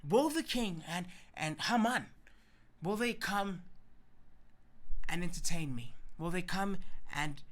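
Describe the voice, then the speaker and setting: A man's voice: high voice, animated, takes it slowly, long pauses, a bit bright, exaggerated voice. A man voicing a courageous queen who pleads earnestly before a king. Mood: pleading.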